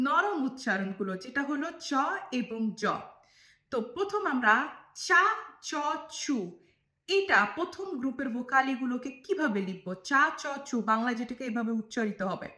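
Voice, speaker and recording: A woman's voice: sits high, sing-song, fairly quick, pushed and bright, reverberant. A woman teaching Italian pronunciation, drilling letters and syllables one at a time. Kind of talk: pronunciation lesson.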